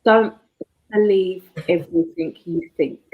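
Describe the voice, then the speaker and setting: A woman's voice: lowish voice, phone-quality sound. A woman, chatting casually as a guest author, reflective and laughing often. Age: 40s. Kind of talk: casual live chat.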